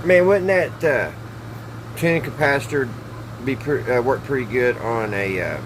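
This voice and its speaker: Background noise fills a small, wood-panelled indoor workshop where a middle-aged man who runs a hobby radio repair channel demonstrates his hands-on tinkering. He talks casually at a moderate pace with a medium pitch, thinking aloud in a down-home, hesitant fashion.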